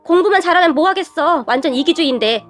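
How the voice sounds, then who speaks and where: A woman's voice: very high voice, lively intonation, fairly quick, faint music behind. Woman playing a scornful tough young wife. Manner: sharp, mocking.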